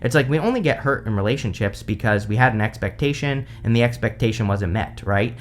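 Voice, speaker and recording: A man with a mid-pitched voice reads tarot as a host would, off the cuff. He explains each card conversationally, wandering a bit and addressing the listener directly. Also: lively intonation, a little fast. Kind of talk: casual unscripted tarot card reading, explaining cards.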